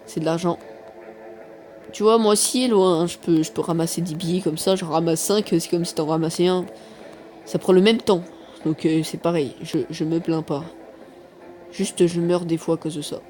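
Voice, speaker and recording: A man's voice: sits high, steady tone, moderate pace, long pauses, a little mellow, a little hiss or hum. Rambling self-mocking male gamer. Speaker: mobile game YouTuber. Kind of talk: casual gameplay commentary. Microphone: phone microphone during screen recording.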